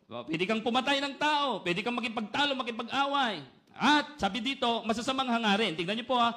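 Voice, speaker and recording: A middle-aged male preacher with a high voice delivers a sermon loudly and energetically. He keeps asking the congregation for an "Amen?" and swings between booming emphasis and quieter asides. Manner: loud, energetic preaching with call-and-response "Amen?".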